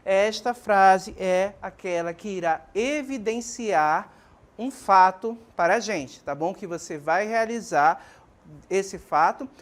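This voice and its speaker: A Brazilian woman teaching a televised lesson in a clear, didactic way. She addresses students as "minha gente" and "pessoal" and keeps checking that they follow along. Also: mid-range voice, slow pace. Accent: Brazilian Portuguese. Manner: didactic, frequent checking questions like ok and certo.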